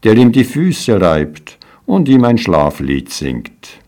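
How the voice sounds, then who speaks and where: A man's voice: lowish voice, huge pitch swings, takes it slowly, dark tone, pitched above the performer's own voice, heavily acted. A man voicing a weary young mother in a storybook reading, speaking in a sighing, wistful way.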